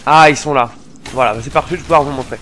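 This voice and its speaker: A man hosting a gameplay video, chatty and excitable, peppering his casual commentary with slang, swearing and fillers. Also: medium pitch, rapid-fire, a little hiss or hum. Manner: many fillers while explaining.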